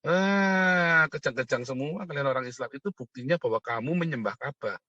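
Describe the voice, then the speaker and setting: Middle-aged man, a scornful rant host with a crisp, forceful tone. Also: mid-range voice, moderate pace, no echo, highs cut off. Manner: mocking, provocative, keeps asking "ya kan?". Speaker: online commentator. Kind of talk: ranting monologue.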